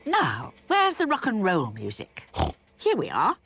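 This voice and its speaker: A woman's voice: medium pitch, wildly swooping pitch, a little slow, a bit bright, faint music behind, full character voice. An actress playing a kindly, playful old grandmother pig with a British accent in a preschool cartoon. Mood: breezy, playful. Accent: British English.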